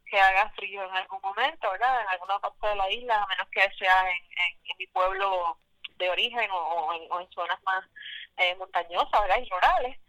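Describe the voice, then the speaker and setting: A Puerto Rican woman in her forties, talking as a guest in a relaxed, thoughtful way. Her voice is bright and forceful and comes through dry, with no room around it. She often pauses with fillers and restarts her sentences. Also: mid-range voice, dry recording, poor audio. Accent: Puerto Rican Spanish. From Puerto Rico. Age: 40s. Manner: reflective, many fillers and restarts. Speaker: guest poet. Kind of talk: casual interview.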